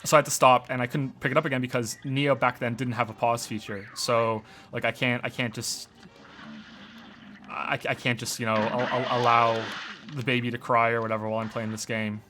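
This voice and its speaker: A Welsh-born man in his thirties, with a mostly Canadian accent carrying some Welsh traces, rambles casually while playing games on a stream, answering chat questions and stammering through restarts. His mid-range voice is level and fairly quick, with background noise in the recording.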